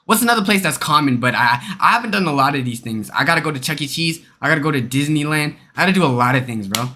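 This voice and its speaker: A man's voice: on the high side, expressive, fast, sharp tone. A young man streaming live, joking crudely and asking his chat questions. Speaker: streamer reacting to a video.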